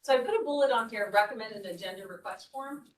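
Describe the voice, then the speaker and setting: A woman's voice: on the high side, fast talker, noisy background. A woman city staff presenter giving a board training, talking conversationally and explaining with frequent restarts. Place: meeting room. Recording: echoey meeting room, distant mic.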